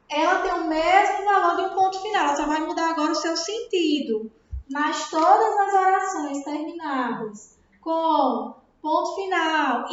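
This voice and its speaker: Brazilian teacher lady, high voice, lots of "tá?" and "entendeu?", super echoey dull recording. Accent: Brazilian Portuguese. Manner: didactic, checks understanding with tag questions. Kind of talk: recorded classroom lesson. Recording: very echoey room, dull sound.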